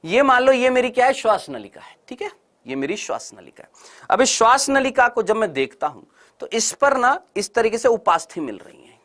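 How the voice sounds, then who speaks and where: A male teacher gives an online exam-prep lecture. He repeats each question and answer in call-and-response drills and talks in a brisk, teasing way, pushing students to answer fast. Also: extremely high pitch, big pitch swings, fairly bright tone.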